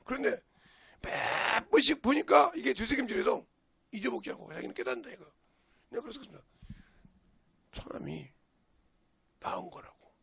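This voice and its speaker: A man's voice: very high voice, sing-song, moderate pace, creaky, pauses often, fairly bright tone, husky. An older man with a Jeolla Korean accent, a pastor preaching a folksy, storytelling sermon with sudden emphatic rises. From Jeolla region, Korea.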